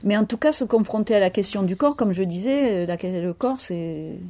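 A woman's voice: mid-range voice, lively intonation, moderate pace, mellow. A woman in her fifties speaking as an author in an interview, reflective and searching for her words. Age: 50s. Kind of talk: interview conversation.

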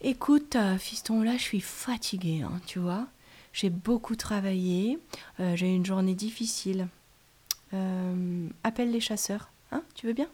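A woman voicing a tired, dismissive father who answers in a low, weary, half-muttered way. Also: expressive, normal speed, a little mellow, close to an everyday voice. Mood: exhausted.

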